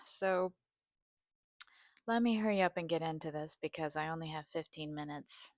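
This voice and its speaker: A woman vlogging in a rambling, personal way, halting and hesitant, with vocal fry and a sometimes scratchy voice. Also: low voice, dry recording, clean studio sound. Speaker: video host. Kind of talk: rambling personal vlog, partly reading a study aloud.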